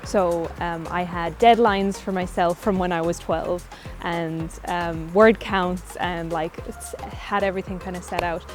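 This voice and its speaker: A woman's voice: on the low side, steady tone, measured pace, hardly any pauses, soft background music. A young woman with a west of Ireland accent, giving chatty, informal and thoughtful answers as an interview guest. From Galway, Ireland. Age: young adult.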